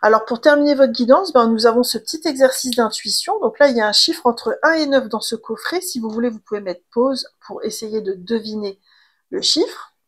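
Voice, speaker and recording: Woman, tarot reader, higher-pitched, gentle and chatty, casual guidance tone. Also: lively intonation, fairly quick. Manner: gentle, chatty, many fillers and restarts. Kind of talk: casual spiritual card reading.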